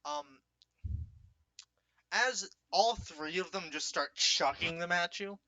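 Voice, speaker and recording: A man's voice: sits high, slow pace, bright, forceful tone, no room sound. Hesitant young man running a tabletop game. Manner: hesitant, many fillers and restarts. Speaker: game master.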